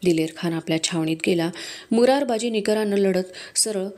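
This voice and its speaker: A woman's voice: mid-range voice, moderate pace, a little mellow, close to an everyday voice. A woman reading aloud, voicing a loyal male soldier who gives an earnest report of a battle.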